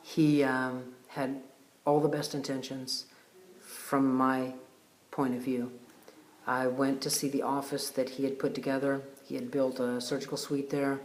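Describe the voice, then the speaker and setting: A man hosting a retreat, giving a casual, heartfelt video message with many pauses and fillers. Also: mid-range voice, little pitch movement. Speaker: retreat host. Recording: roomy echo.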